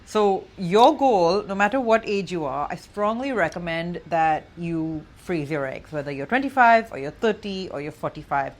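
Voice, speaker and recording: A young adult woman matchmaker giving earnest, direct advice to the viewer in a vlog. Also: lowish voice.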